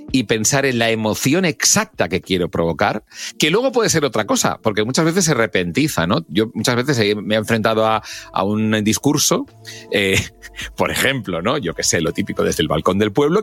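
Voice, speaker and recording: A middle-aged man from with a radio broadcaster's voice, explaining speaking skills in an interview and acting out the lines he quotes. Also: on the low side. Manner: expressive, acts out shouts and quoted lines. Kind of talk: podcast interview, animated explaining.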